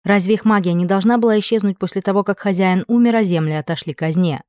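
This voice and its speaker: A woman reading a fantasy story aloud in a steady, measured way. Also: mid-range voice, dry recording, clean studio sound. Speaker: audiobook narrator. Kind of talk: scripted fantasy narration.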